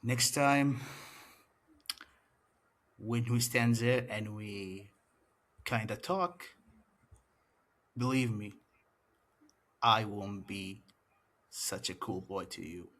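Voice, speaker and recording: A man's voice: lowish voice, extremely slow, long pauses, fairly bright tone. A man cutting a boastful wrestling promo as champion, taunting his rival in broken English. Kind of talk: wrestling promo trash talk.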